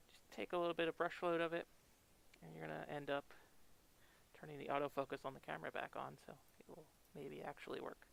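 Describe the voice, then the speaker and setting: Man muffled behind a respirator, creaky voice. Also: a little high, fairly bright tone. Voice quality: muffled, speaking through a respirator mask. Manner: informal, hesitant, talking while working. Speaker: host of a hobby tutorial stream. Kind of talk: casual hands-on tutorial.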